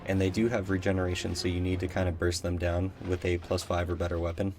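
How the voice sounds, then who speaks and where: Young male gamer, deep monotone, rambly commentary with a faint hum behind. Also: fast talker. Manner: rambling, unsure, many ums, self-mocking. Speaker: gameplay commentator. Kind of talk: casual let's play commentary.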